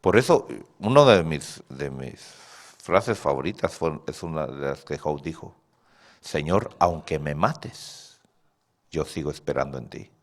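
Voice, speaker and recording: In a measured sermon, a man's lively voice rises into abrupt shouts before dropping low once more. The pastor speaks animatedly and directly to the congregation, chuckling at the stories he tells.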